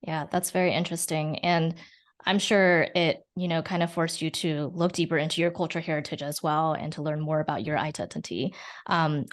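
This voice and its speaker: A woman interviewing a guest, asking long, winding questions with "you know" fillers. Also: sits low. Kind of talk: podcast interview.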